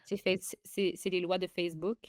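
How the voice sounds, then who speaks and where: Young Québécois woman co-host, excitable and chatty, dry booth sound. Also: on the low side, normal speed, no echo. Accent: Québécois French. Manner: excitable, chatty, frequent fillers and restarts. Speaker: podcast co-host. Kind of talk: casual podcast chat.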